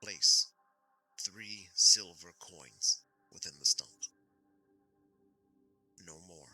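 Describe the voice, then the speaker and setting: A cold, commanding voice on the phone, as a man puts on a stern teacher, very deep and hard-edged. He speaks in short, clipped orders with no warmth at all. Each word lands like an instruction for a tabletop game. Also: extremely slow, dry recording, faint music behind, heavily acted. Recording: heard over a phone call.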